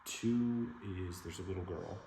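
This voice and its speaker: A man's voice: sits low, unhurried, dark tone. A man hosting a paranormal vlog, talking casually as he shows the place around. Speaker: vlog host. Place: inside an old hotel. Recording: noisy on-location camera audio. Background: clear room noise and ambience.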